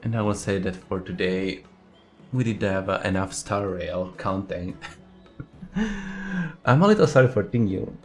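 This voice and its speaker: A man chats casually as he streams a game, muttering asides. His voice is on the low side and very slow-paced, with faint music behind. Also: expressive. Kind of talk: casual livestream chat and gameplay commentary.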